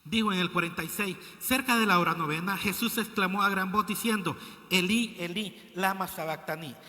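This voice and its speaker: A male pastor, preaching a sermon in a church that builds to loud exhortation. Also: high voice, normal speed. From El Salvador. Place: church sanctuary. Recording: long church reverb, music behind.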